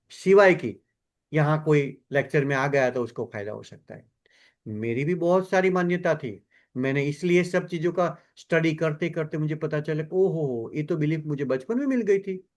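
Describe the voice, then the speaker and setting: A man gives a self-help lecture as a doctor. He is animated, and his pitch and pace keep swinging up and down to stress his points.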